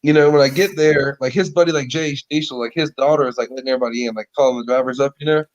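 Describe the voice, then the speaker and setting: A man's voice: medium pitch, fairly even intonation, rapid-fire, muffled recording. A man telling a story in casual podcast chat, rambling with lots of "like" and "you know", heard over a remote call.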